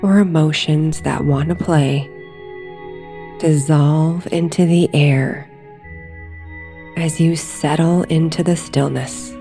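A woman guiding a meditation and affirmations in a soothing, hushed sleep story narrator manner, with new-age music behind her. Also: deep voice, steady tone, takes it slowly, long pauses. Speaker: meditation guide. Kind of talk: slow guided meditation and affirmations. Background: new-age music with singing bowls.

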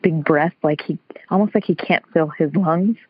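A woman calling in over the phone, her voice husky and a little breathy. The line sounds dull and muffled. She speaks hesitantly and fills her pauses with "um". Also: sits low, dry recording. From Chicago area. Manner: hesitant, with many fillers. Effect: heard over the phone. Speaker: caller. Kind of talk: call-in question to a host.

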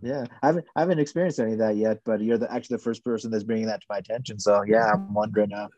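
A man with a low, mellow voice answers questions as a podcast guest, keeping his tone flat and even. He sounds soft-spoken and measured, often hedging as he goes, and the sound is dry and close. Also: no echo, lo-fi sound. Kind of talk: casual conversational interview.

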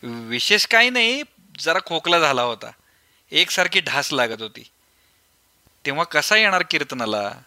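A jovial, insistent old grandfather, put on by a male narrator in a storybook reading, his voice pitched high and crackly. The tone is very bright and cutting, set against a dry, close sound with no room around it. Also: big pitch swings, unhurried, pauses often, no echo, full character voice. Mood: cheerful. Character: kindly old man, a grandfather, teasing.

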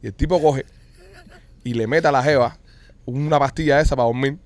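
A man's voice: mid-range voice, steady tone, fairly quick. A man, co-hosting a podcast, teasing his friends and telling stories with playful sound effects. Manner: teasing, storytelling with sound effects and shouted catchphrases. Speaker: podcast co-host. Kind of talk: rowdy casual banter.

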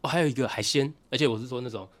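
A man's voice: medium pitch, rapid-fire, no echo. A young man from Taiwan with a Taiwanese Mandarin accent, chatting casually as a podcast co-host in a wry, jokey, complaining way. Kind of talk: casual chat.

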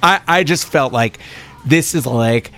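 A man, a recording engineer and producer, chatting as an interview guest and telling excited, rambling stories. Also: medium pitch, unhurried. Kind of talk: casual interview chat.

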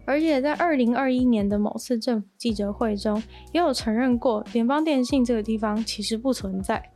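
A woman hosting a podcast, reading offbeat news stories in an even, conversational way with light asides. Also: fairly high pitch, a little fast, soft background music. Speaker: podcast host. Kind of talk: scripted news-roundup narration.

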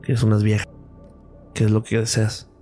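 A man's voice: fairly low pitch, monotone, moderate pace, mellow, soft background music. A man with a Mexican Spanish accent, a radiologist guest on a podcast, tells a story and acts out the quoted dialogue.

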